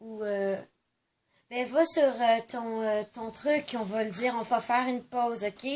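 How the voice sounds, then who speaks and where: A woman's voice: fairly high pitch, slow pace, darkish tone, a little hiss or hum. A woman chatting casually to camera as a vlogger, hesitant with many fillers.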